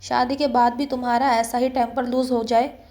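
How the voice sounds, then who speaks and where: A woman's voice: fairly high pitch, little pitch movement, a little mellow, natural voice. A woman voicing a fiery young woman coworker who snaps back with scolding, threatening retorts. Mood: scornful.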